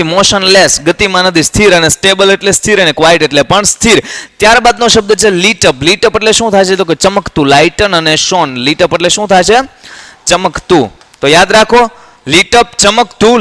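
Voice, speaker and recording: Man, Gujarati accent, English tutor, highish voice, dry close sound, slow repetitive drilling. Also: sharp tone, no room sound. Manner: drills words slowly, asks students to repeat. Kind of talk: vocabulary lesson for exam prep.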